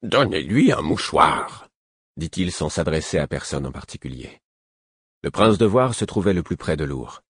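A man reading a first-person novel as an audiobook narrator, in a measured, even storytelling manner. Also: rumbling low, husky, dry recording, clean studio sound.

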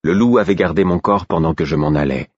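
A man reading a first-person story aloud in a measured, grave narration. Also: deep voice, darkish tone, no echo. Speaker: audiobook narrator. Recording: dry, slightly dull recording.

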